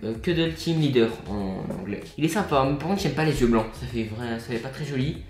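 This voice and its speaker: A man's voice: mid-range voice, a little fast, reverberant, faint music behind. A young man with a French accent chatting casually while showing his toy collection in an upbeat vlog. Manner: chatty, upbeat, many fillers and asides.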